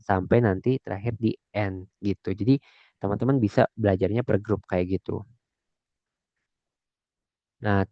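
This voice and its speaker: A man's voice: fairly low pitch, no room sound, lo-fi sound. A young man teaching a language lesson in a chatty way, often checking that listeners follow. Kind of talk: casual explanatory lesson.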